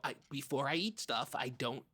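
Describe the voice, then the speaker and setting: A man with a mid-range, expressive voice speaks at normal speed, his tone sharp with a breathy edge. He plays an earnest, easily rattled oddball co-host on a comedy podcast, rambling and stammering in improvised, in-character chat. His mood comes across as sincere and halting.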